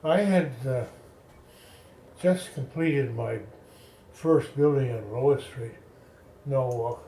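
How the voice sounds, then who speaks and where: Frail man in his eighties or older, breathless and slow, recalling his past in a roomy space. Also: medium pitch, mellow, recorded from a distance. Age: 80s or older. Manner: halting, with long pauses and plain-spoken phrasing. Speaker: interviewee recalling local history. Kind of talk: oral history interview reminiscence. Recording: roomy echo with light background noise.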